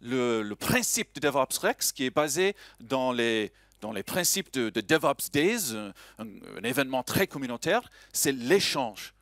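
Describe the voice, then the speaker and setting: A man's voice: medium pitch, unhurried, hardly any pauses, dry recording, clean studio sound. A man with a slight foreign accent, opening a conference live as emcee and joking with the audience. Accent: a slight foreign accent in French. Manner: lively, joking, chatty with the audience. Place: conference hall stage.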